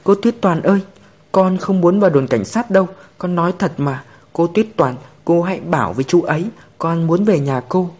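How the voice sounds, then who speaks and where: A man voicing a stubborn, tearful little girl in a storybook reading, in a high childish pleading voice. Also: normal speed, a little mellow.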